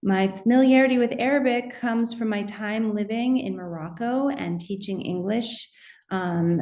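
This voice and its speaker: A middle-aged woman giving a conference presentation on her research, methodical and measured, with occasional fillers and restarts. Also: mid-range voice, a little mellow. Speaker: academic researcher presenting at a symposium. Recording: roomy echo.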